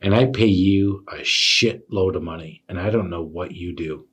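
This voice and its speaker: A man telling his own workplace stories as a podcast host, animated and full of fillers. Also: deep voice, normal speed, husky. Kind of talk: casual storytelling chat.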